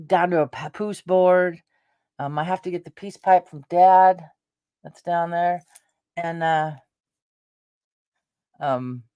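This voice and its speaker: A woman in her fifties chats unhurriedly, drifting from one thought to the next with plenty of pauses and restarts. Her voice is close and dry, with no room sound around it. She has an easygoing, offhand way of talking. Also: low-pitched, darkish tone, no room sound, dull audio. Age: 50s. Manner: meandering, with frequent hesitations and restarts. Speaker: channel host. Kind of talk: rambling casual chat.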